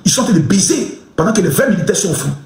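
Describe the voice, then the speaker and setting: A man ranting in a live commentary, shouting insults with mocking laughter. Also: high voice. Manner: animated, swings between chanting and fast talk. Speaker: online commentator. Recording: echoey room.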